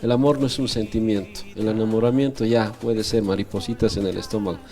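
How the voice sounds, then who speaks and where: A man's voice: lowish voice, steady tone, brisk, darkish tone. A man, giving earnest faith-based family advice on a radio show with many tag questions. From Bolivia. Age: 40s. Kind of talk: radio talk with religious counsel.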